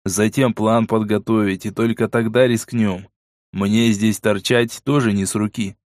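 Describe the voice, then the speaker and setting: A man's voice: level tone, unhurried, a little mellow, dry recording, natural voice. A man voicing the first-person hero of an audiobook, a wary armed man who speaks curtly and sardonically. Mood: gruff, wry. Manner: curt, low and sardonic. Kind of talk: audiobook character voice.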